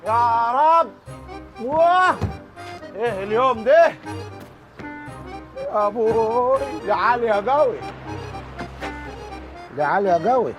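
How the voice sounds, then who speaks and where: A man's voice: very high voice, expressive, slow, pauses often, over music, exaggerated voice. An actor with an Egyptian accent playing a brash, hapless young man who pleads, wheedles and curses in a comedy series. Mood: frantic. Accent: Egyptian Arabic. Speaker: comic lead in a TV series.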